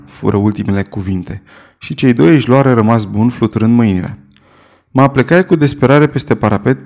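A man reading a story aloud in the first person, with measured, steady storytelling. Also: medium pitch. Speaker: narrator. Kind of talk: scripted first-person narration.

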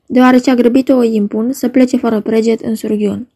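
A woman's voice: a little high, steady tone, mellow, slightly rough. A woman reading as a stern commanding duke. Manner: measured, commanding. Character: stern ruling duke, solemn authority. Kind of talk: dramatic reading of a play.

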